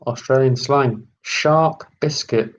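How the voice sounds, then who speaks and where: A man hosting a live online quiz, reading out each question slowly and repeating every term. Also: mid-range voice, dull audio. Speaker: quiz host.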